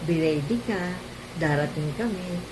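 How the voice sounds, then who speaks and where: A woman's voice: lowish voice, measured pace. Older woman with gap-toothed speech, noisy recording. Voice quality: slight lisp from missing front teeth. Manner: chatty, jokey, storytelling. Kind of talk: casual birthday video greeting. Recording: noisy amateur video with ambient noise.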